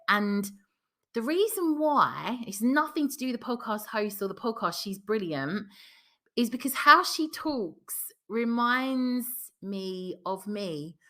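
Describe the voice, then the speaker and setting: A woman's voice: fairly high pitch, big pitch swings, measured pace, bright, forceful tone. A woman with a South London or Essex accent hosting a podcast, talking frankly and chattily on her own, swearing casually. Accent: South London/Essex English. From South London or Essex, England. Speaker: podcast host. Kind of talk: candid solo podcast monologue.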